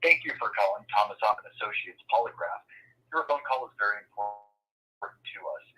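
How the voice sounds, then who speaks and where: A man's voice: fairly low pitch, a little fast, sharp tone, breathy edge. A man giving a formal, scripted office voicemail greeting, heard as an answering machine message over a phone call.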